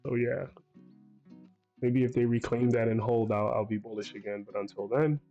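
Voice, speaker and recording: A man's voice: mid-range voice, steady tone, normal speed, lo-fi sound, soft background music. A man hosting a casual trading stream, losing his voice and swearing casually. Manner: laid-back, swears casually.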